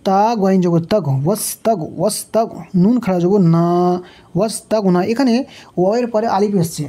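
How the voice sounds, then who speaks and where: A woman's voice: mid-range voice, fairly quick, warm tone. Patient woman teaching recitation rules. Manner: patient, repeats syllables and asks rhetorical questions. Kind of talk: step-by-step tajweed lesson.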